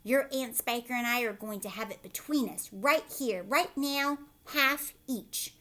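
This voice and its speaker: A woman voicing a greedy, scornful, bossy older aunt in a children's story, loud and disbelieving. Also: on the high side, measured pace.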